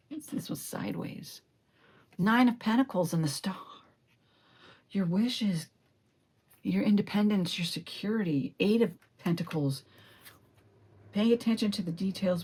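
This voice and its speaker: A woman giving a solo tarot reading, reflective and lingering over each card, sometimes slipping into a breathy whisper. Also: mid-range voice, normal speed, long pauses, a little mellow. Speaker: tarot reader.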